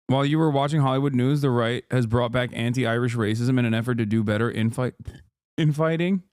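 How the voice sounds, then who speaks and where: A man's voice: mid-range voice, a little fast, darkish tone, clean tone, dry recording, clean studio sound. A man from Turkey streaming live, reading and answering his chat in blunt casual talk that swears freely.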